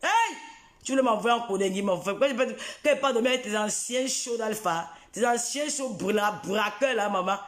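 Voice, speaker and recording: A taunting man, ranting straight into a live video. His voice sits fairly high for a man. He repeats his jabs over and over in an echoey room. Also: normal speed, hardly any pauses, fairly bright tone. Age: 40s. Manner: taunting, repetitive, mocking.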